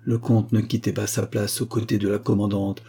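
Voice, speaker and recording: A man narrating a classic novel as an audiobook in a measured, even manner. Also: on the low side, gravelly, slightly rough.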